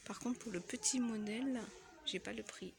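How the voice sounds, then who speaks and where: A soft-spoken woman with a slight cold, walking through a store and listing decor items and prices for her vlog, often dropping almost to a whisper. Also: on the high side, normal speed, vocal fry, background noise. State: has a cold. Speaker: home decor vlogger. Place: inside a large home goods store.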